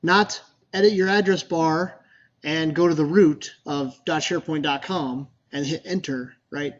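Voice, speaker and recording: Man, presenter, casual meetup talk, slightly high voice, a bit dull and lo-fi. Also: measured pace. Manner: chatty, loose, many fillers and restarts. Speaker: user group presenter.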